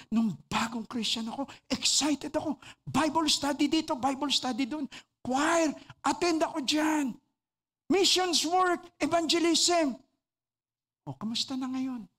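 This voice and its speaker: A preacher with a Filipino accent giving a radio sermon, mixing English and Filipino and asking the listeners rhetorical questions. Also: medium pitch. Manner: preaches with lively emphasis, stressing key words.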